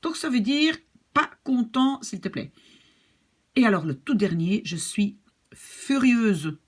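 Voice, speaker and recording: A woman's voice: fairly high pitch, lively intonation. A woman with a Belgian French accent, a language teacher who explains step by step and demonstrates sample phrases. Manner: explains slowly with spoken demonstrations in another language. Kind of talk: video language lesson.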